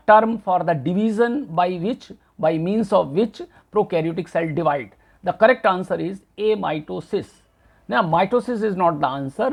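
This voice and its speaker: A middle-aged man, a professor giving a deliberate exam-prep lecture who repeats and spells out key answers. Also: high-pitched, creaky. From central India. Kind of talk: exam-prep lecture mixing Hindi and English.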